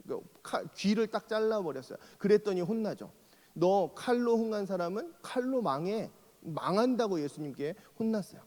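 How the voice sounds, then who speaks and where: A man with a fairly high voice preaches in a church, his words ringing with a long hall reverb. He delivers the sermon like a story, lively and conversational, slipping into the quoted lines as if acting them. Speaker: pastor. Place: church sanctuary.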